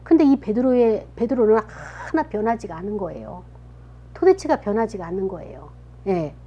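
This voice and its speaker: A woman's voice: mid-range voice, sing-song, moderate pace, husky, highs cut off. A woman pastor preaching a sermon, retelling scripture with dramatized quotes that rise to emphatic peaks.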